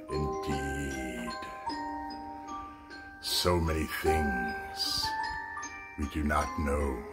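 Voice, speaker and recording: A man's voice: extremely low pitch, animated, exaggerated voice. A man playing a sinister, gloating old vampire-like uncle who hosts a show, talking theatrically and breaking into cackles. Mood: pontificating. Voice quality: theatrical, cackling laughs between lines. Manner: slow, drawn-out, menacing pontificating. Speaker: show host character. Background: mallet and xylophone music.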